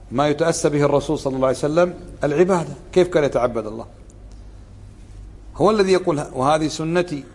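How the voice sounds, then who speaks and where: A man's voice: on the high side, big-room sound. A man gives a religious lesson on creed, asking his listeners questions and answering them himself, with a sarcastic edge. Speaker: sheikh teaching a book on creed.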